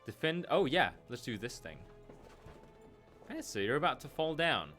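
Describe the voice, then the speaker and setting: A man's voice: mid-range voice, very animated, moderate pace, a bit bright. A playful man chats on a gaming live stream, joking at his own lines and fussing at his pet. His voice swings up and down a lot, and faint game music plays behind him. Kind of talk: casual live-stream chat while gaming.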